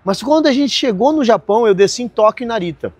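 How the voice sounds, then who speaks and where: A man, a podcast guest telling his life story in a lively way, laughing often and acting out what people said. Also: extremely high pitch, fast, breathy edge, no echo. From Brazil. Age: 40s. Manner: lively, laughs often, acts out quoted dialogue. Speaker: podcast guest, marina owner. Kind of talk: animated storytelling in conversation.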